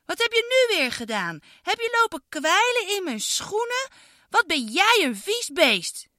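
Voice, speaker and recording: Storybook little girl, cross and fussy, high whiny voice, very dry close sound, read by a woman. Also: animated, normal speed, bright, forceful tone, dry recording, exaggerated voice. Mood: angry. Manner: high, complaining child's voice.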